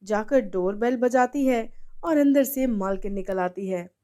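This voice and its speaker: A woman narrating a cartoon story in a plain, steady storytelling manner. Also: medium pitch, measured pace.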